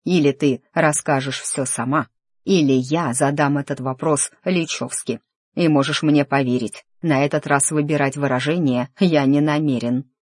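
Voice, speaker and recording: A reader voicing a tense, stubborn young nobleman in an audiobook, speaking slowly and with restraint. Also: medium pitch, steady tone, no room sound, natural voice. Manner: restrained, clipped, slow. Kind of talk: audiobook character dialogue.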